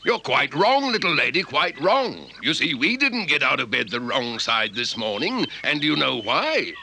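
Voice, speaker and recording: Loud stubborn cartoon twin, gravelly and sharp. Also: male voice, sing-song, normal speed, heavily acted. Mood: contrary. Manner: booming, contrary.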